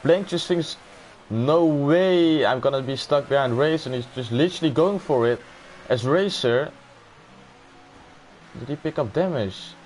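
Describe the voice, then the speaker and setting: A man's voice: on the high side, unhurried, pauses often, darkish tone, slight background noise. A man with a Dutch accent commentating a live sim racing event, exclaiming and laughing at close moves. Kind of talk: live esports race commentary.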